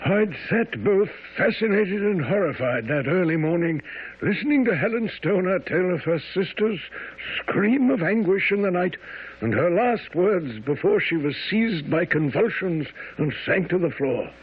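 An actor playing an earnest gentleman doctor, narrating a radio drama with measured, dramatic storytelling. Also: sits high, expressive, husky, heavily acted. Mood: earnest, absorbed. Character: earnest gentleman doctor, the detective's loyal companion. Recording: dull old radio broadcast.

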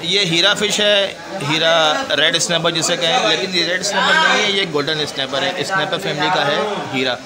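Filming on a handheld phone in a busy indoor fish market, a man with a Pakistani Urdu accent walks through, explaining each fish and calling out to sellers for prices. His voice is fairly high at a moderate pace, over loud crowd noise.

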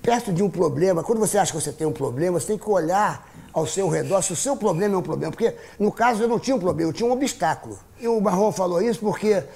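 Fast, gravelly Carioca man telling stories. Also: high voice. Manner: animated storyteller who acts out scenes. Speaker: talk show guest. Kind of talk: comic anecdote in a TV interview.

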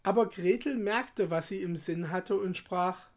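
A woman reading a fairy tale aloud in a calm, measured storytelling voice. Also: fairly low pitch.

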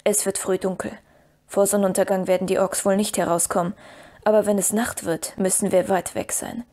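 A woman reading an audiobook, voicing a calm, watchful male ranger who leads the group. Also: mid-range voice, brisk, close to an everyday voice. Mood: grave.

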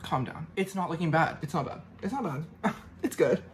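A man's voice: a little high, expressive, normal speed, very noisy. A young man vlogging casually, dramatic and self-mocking, with frequent swearing. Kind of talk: casual vlog chat. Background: loud guitar music.

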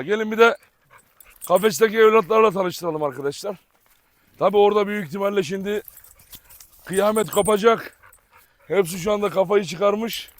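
A dog-breeding vlogger with a high voice runs a casual farm vlog outdoors among dog cages, calling and coaxing his dogs while chatting to viewers. There's no room sound, but loud background noise and barking dogs fill the recording.

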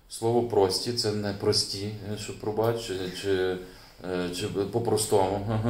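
A priest gives a homely sermon. He pauses a lot, fills gaps with "uh" and "um" and restarts his sentences. The room is echoey, with a faint hum behind him. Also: on the low side. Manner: hesitant, many fillers and restarts, chuckles now and then. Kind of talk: sermon with casual explanation.

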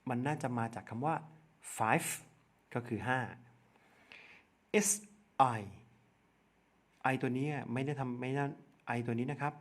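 Thai-accented man, very slow, patient classroom explainer, letter-by-letter spelling. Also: medium pitch, steady tone. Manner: spells letters one by one, repeats words for children. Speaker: primary school English teacher. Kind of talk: slow step-by-step lesson narration.

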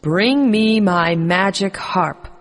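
Gruff hungry giant for a kids' storybook, slow and threatening, voiced by a woman. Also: on the low side, a bit bright, soft background music. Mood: commanding. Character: ugly hungry male giant, gruff and menacing.

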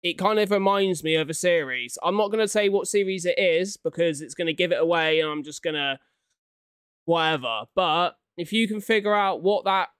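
A young adult man gives slangy, exclamatory reaction commentary for his video, speaking into a close desktop condenser mic in a small room at home. His voice is high-pitched, smooth and a bit bright, at a moderate pace. The recording is dry.

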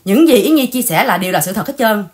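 A woman hosting a casual livestream chat, animated and repetitive, speaking straight to her viewers. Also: mid-range voice, fast talker. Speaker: channel host.

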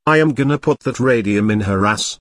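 A man's voice: mid-range voice, brisk, a bit bright, no echo, studio quality, lightly acted. A man voicing a crude, boorish, beer-loving cartoon slacker. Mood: crude jeering. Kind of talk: cartoon parody acting.

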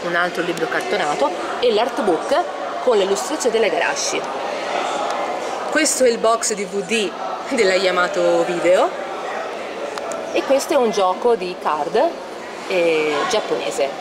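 A woman's voice: fairly low pitch, animated, a little slow, pauses often. A woman walking the camera through her own collector's display at a convention, listing items case by case with small hesitations. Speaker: collector showing her exhibit. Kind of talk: casual guided tour narration. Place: indoor convention hall stand. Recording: loud background noise of a public hall. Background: loud convention crowd ambience.

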